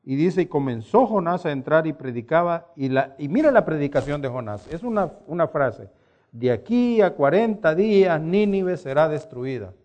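Animated male preacher, higher voice. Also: normal speed, muffled recording. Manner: animated storytelling with acted quotes. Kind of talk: sermon.

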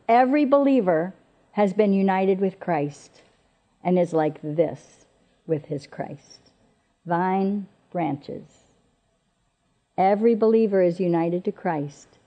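A woman teaching from scripture in an earnest, emphatic way. She leans on repetition and rhetorical questions, and her pitch sits in an ordinary middle range. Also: warm tone, muffled recording. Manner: earnest, emphatic, repeats key phrases. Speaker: speaker at women's Bible teaching. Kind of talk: expository Bible teaching. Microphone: presenting from notes on a screen.

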